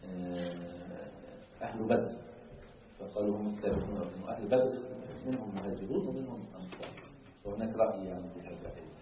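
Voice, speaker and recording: Fast-talking teacher. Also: male voice, fairly low pitch, noisy background. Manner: explanatory, fills pauses with drawn-out "ah", asks the class rhetorical checks. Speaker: religious teacher. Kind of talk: lecture explaining Quran commentary. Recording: distant, echoey, tinny phone-like lecture recording.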